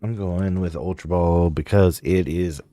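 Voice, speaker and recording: A man's voice: low voice, steady tone, unhurried, warm tone. A young man streaming a game, rambling casually and apologetically to his chat.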